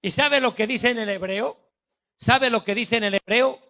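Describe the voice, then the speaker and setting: A male preacher delivers a sermon full of mockery and jokes. His voice is high and bright, and he lands his points with heavy emphasis. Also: normal speed, creaky. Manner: mocking, jokey, emphatic.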